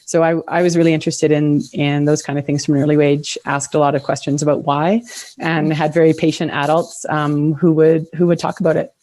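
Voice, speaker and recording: A woman from Canada, a conservation scientist, answering interview questions quickly while searching for her words, over a video call. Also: sits low, flat delivery, dark tone, no room sound.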